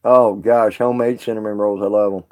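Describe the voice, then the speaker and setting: A man's voice: on the low side, steady tone, a little fast, darkish tone. A man chatting casually on a live stream with viewers, rambling and folksy, laughing often.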